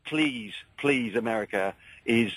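Halting, polite Englishman calling talk radio. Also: fairly low pitch, fairly bright tone, breathy edge, no room sound. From England. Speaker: caller to a radio show. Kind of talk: earnest political discussion.

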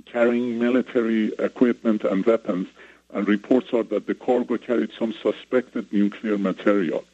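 Guy from iran talking thru a voice changer, steady briefing tone, muffled radio audio, kinda rough. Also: lowish voice, no room sound. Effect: voice changer disguising his voice. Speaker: radio show guest. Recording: dull lo-fi radio broadcast.

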